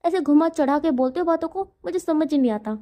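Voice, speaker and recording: A woman's voice: high voice, fast, mellow, close to an everyday voice. A woman voicing an innocent, pouty young man who sulks and insists on his point. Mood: sulky. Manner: sulky and stubborn.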